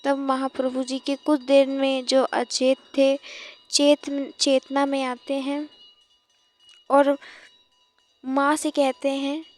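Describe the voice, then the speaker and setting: A woman narrates a devotional tale with earnest, emotive feeling. Her voice is high and flat in contour, and she speaks slowly, recorded close and dry. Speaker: devotional storyteller.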